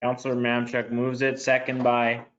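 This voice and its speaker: Guy running a council meeting, super flat monotone, muffled audio. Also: medium pitch, normal speed. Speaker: mayor chairing council meeting. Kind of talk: formal meeting procedure.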